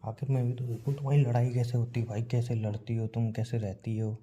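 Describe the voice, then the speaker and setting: A man's voice: medium pitch, flat delivery, brisk, dark tone, a little hiss or hum. A young man teasing his girlfriend in a casual phone chat. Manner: playful teasing, acts out others in quotes. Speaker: boyfriend on a phone call.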